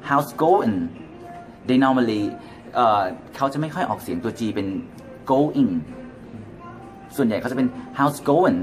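A man's voice: medium pitch, unhurried, pauses often, soft background music. A man with a Thai accent, a native Thai speaker, giving a casual English lesson and acting out example greetings. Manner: switches between English and Thai, acts out example phrases. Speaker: English teacher.

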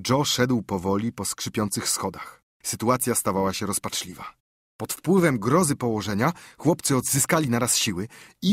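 A man narrating an audiobook in a steady, measured storytelling manner, with a husky voice. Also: mid-range voice, no room sound, clean studio sound. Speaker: audiobook reader.

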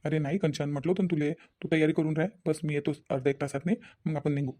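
Guy voicing a jealous cartoon husband, vidarbha accent, talks crazy fast. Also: a little high, fairly even intonation, warm tone, lightly acted. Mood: reassuring. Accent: Vidarbha Marathi. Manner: rapid, suspicious muttering. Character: suspicious young husband in a cartoon.

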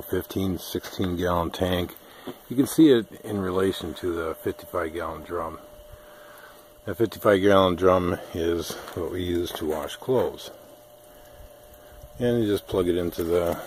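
An off-grid DIY vlogger with a low-sitting voice walks through a project outdoors on his rural homestead, explaining as he films on a handheld camera. He's unhurried and says "um" a lot, and there's a slight hiss or hum in the audio.

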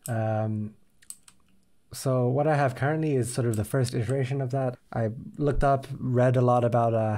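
A man's voice: medium pitch, warm tone. A young man walking through his game prototype in a devlog, talking hesitantly with frequent ums and restarts. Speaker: indie game developer. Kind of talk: screen-recorded devlog walkthrough.

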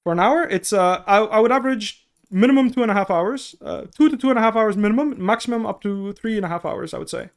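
A fast-talking young man, Dutch by first language, coaches on a casual stream in a high, expressive, clean-toned voice. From a headset at his desk in a small room, he answers chat and breaks things down step by step, saying okay again and again.

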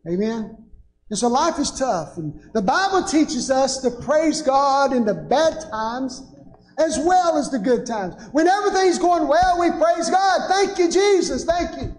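A man's voice: very high voice, animated, measured pace. An older man, preaching a sermon from a church pulpit with rising, emphatic bursts. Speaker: pastor. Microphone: pulpit microphone. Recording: echoey church sanctuary.

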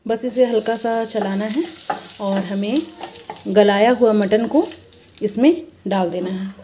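A woman walks viewers through a recipe at her stove in a friendly, chatty way, calling them friend as she explains each step. Her voice is mellow and warm rather than bright. A faint sizzle of frying is heard under her words. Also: medium pitch, takes it slowly, slight background noise. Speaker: cooking channel host. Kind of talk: casual cooking demonstration. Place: home kitchen at the stove. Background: frying and sizzling from the pan.

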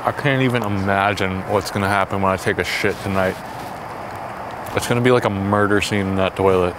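Out on a backyard wooden deck, a young adult challenge vlogger talks a little fast in a low, fairly even voice, cursing casually about how the spicy food is burning his mouth. A camera a few steps away catches it, with noisy outdoor sound and some traffic ambience.

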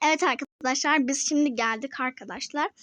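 Bubbly high-voiced vlogger girl. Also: brisk, fairly bright tone, no room sound. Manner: bubbly, keeps addressing viewers as friends. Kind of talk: casual chatty vlog. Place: indoors at home, then a dress shop.

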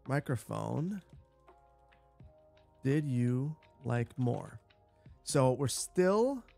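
Boomy-voiced man chatting on a livestream. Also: vocal fry, darkish tone. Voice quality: boomy, bass-heavy sound on the mic. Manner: chatty, repeats short phrases. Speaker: livestream host, gamer. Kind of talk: casual livestream chat while gaming. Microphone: close broadcast dynamic microphone.

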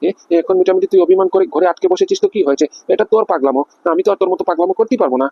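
A man's voice: high-pitched, very fast, mellow, breathy edge, dry recording, highs cut off. A man voicing a fussing, middle-aged cartoon husband who coaxes and rambles, full of fillers. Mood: coaxing. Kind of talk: cartoon comedy voice acting.

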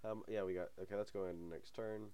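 Sniffling through a cold, this young man hosts an easygoing let's-play from home, his voice low and deep. He wanders in his talk, says um a lot, hesitates, and occasionally laughs quietly to himself. His delivery is fairly quick and steady, with a warm, clear, resonant tone.

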